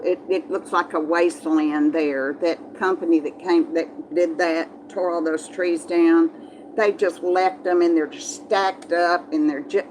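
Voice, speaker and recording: This livestream host speaks in a low-pitched, slightly mellow voice with a Texas Southern accent, wandering through folksy, casual chat with her live viewers and repeating herself often. She's from Texas in the southern US. Slight background noise sits under a low-quality recording.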